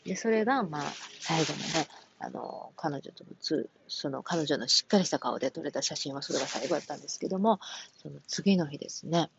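A woman with a Kansai accent, gently telling a personal story from her work as a caregiver, with many soft fillers. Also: sits low, a little fast, vocal fry, lo-fi sound, noisy background. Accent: Kansai Japanese. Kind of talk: casual radio-style talk.

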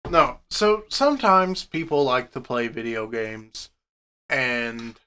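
A man's voice: mid-range voice, slow, smooth. A man co-hosting a casual podcast, ranting with heavy swearing. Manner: profane, ranting, animated. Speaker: podcast co-host.

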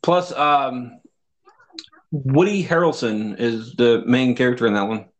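A man's voice: mid-range voice, steady tone, a little slow, rough recording. A man from Texas hosting a casual podcast chat, stumbling over words and swearing freely. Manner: stammering, profane, restarts often. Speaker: podcast host. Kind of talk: casual banter.

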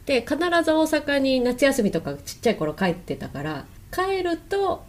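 A woman hosting a casual chat, laughing often and agreeing quickly. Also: high-pitched, wildly swooping pitch. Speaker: host.

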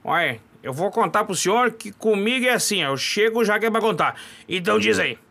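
A man's voice: high voice, animated, brisk, creaky, bright, forceful tone, exaggerated voice. A man voicing a nervous, rambling young male ranch hand in a comedy sketch, stammering and repeating himself.

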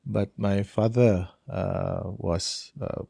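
Brief: man, 60s, from Brunei, guest, low husky gravelly voice, dry close sound, rambling storyteller. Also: steady tone, slow, warm tone, no echo. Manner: rambling, storytelling with laughs and restarts. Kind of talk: casual interview chat.

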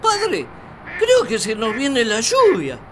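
A woman's voice: on the high side, huge pitch swings, takes it slowly, a little hiss or hum, full character voice. A woman voicing Adam, the first man, grumbling dryly about his companion. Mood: musing. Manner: dry, grumbling complaints. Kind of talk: radio drama acting.

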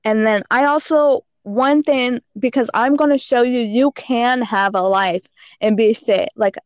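A woman's voice: fairly high pitch, unhurried, clear, resonant tone, no echo, dull audio. A woman guest on a casual podcast, giving frank fitness and diet advice with lots of "like" and "you know.".

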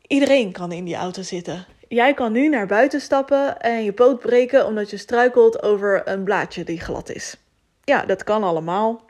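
A woman's voice: mid-range voice, a little mellow. Rambling Dutch-speaking woman podcaster. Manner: rambling, jumps from topic to topic; emotional, candid, with fillers. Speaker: podcast host. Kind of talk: personal solo podcast monologue.

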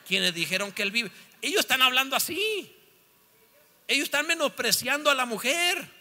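A pastor, preaching a sermon that swings from joking asides to loud, fervent calls. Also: male voice, very high voice. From northern Mexico. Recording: long reverb of a church hall.

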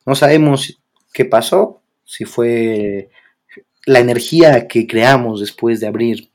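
A young man with a Mexican accent co-hosts a podcast, speaking at a slow pace in a medium-pitched voice. He tells a story casually and with animation, packing it with slang and acting out the voices in his quotes.

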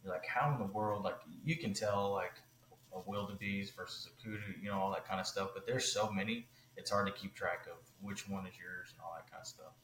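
A man, a podcast guest, telling a long story in a casual, animated way, with many fillers. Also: sits low, brisk, echoey room, a little hiss or hum, low-quality recording.

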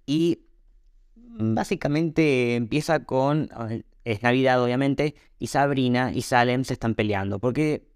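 A man's voice: mid-range voice, clear, resonant tone, no echo, clean studio sound. A man hosting a podcast, giving a casual, opinionated review with critical asides. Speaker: podcast host.

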